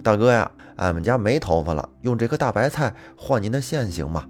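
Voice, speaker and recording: A man telling a folk story, voicing a young village girl who is the elder sister, in a raised girlish pitch. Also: animated, fairly quick. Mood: plain.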